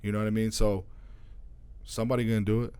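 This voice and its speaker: A man's voice: on the low side, flat delivery, fast, warm tone, smooth, dry recording. A man from Arizona, a DJ and radio station owner, talking loosely as a guest in an interview and often adding "you know what I'm saying.". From Arizona, USA. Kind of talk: casual interview talk.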